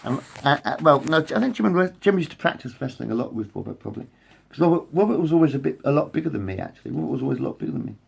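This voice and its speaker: Very animated and rapid-fire, this mid-range male voice has vocal fry and a breathy edge. It belongs to a vlogger in his late forties giving a casual, rambling monologue into his phone's front camera, wandering off topic, repeating himself, and self-correcting.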